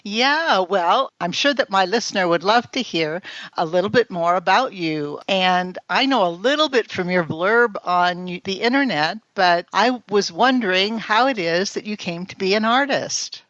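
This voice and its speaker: A woman's voice: medium pitch, expressive, normal speed, fairly bright tone, dry recording, lo-fi sound. A woman hosting a podcast, reading an earnest intro and then asking an artist about her work. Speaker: podcast host.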